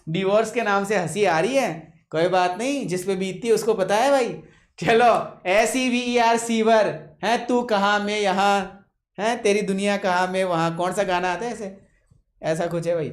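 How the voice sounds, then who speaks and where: A man teaching English vocabulary in a classroom lecture, pausing often to ask his students whether they have understood, and deliberately slowing his usually fast speech. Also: high-pitched. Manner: keeps checking with students, calls them son. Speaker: English teacher for exam coaching. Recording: echoey room.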